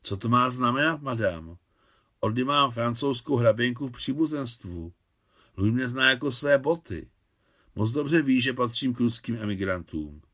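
A man's voice: mid-range voice, lively intonation, fairly bright tone. A man voicing a shy young working-class woman who talks plainly and artlessly in an audiobook. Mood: surprised.

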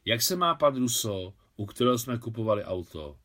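A man reading an audiobook, voicing a spirited woman driver who talks briskly and with emphasis, raising his voice a little for her. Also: mid-range voice, very animated, fairly bright tone. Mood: lively.

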